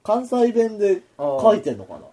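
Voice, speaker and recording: A man's voice: sits high, huge pitch swings, moderate pace, warm tone. A man guesting on a casual radio talk, agreeing often with short replies. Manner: agreeable, many short backchannels. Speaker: band member guest.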